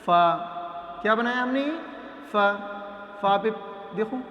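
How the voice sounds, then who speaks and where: A man teaching a reading lesson at a board, patient, sounding out letters slowly and often checking understanding. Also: high voice, sharp tone, muffled recording. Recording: echoey room with long reverb.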